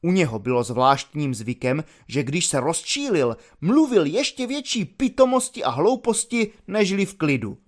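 Expressive male audiobook narrator. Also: on the high side, few pauses.

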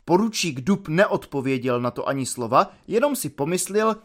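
A man narrating an audiobook in an expressive, ironic storytelling manner. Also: fairly high pitch.

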